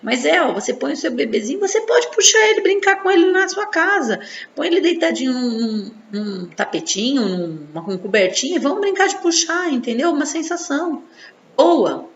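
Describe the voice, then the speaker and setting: Speaking at a moderate pace with a high voice and big pitch swings, a psychology presenter with a Brazilian Portuguese accent gives a casual explanatory talk on infant development, repeatedly using tag questions. Echo, dullness, and faint noise mark the recording.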